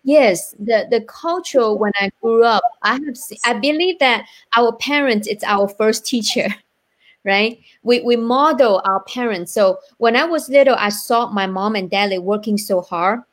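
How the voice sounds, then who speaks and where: A woman's voice: fairly high pitch, a little slow. A woman from China with a Chinese accent, speaking earnestly as a guest entrepreneur on a live online interview show, often checking in with "right?".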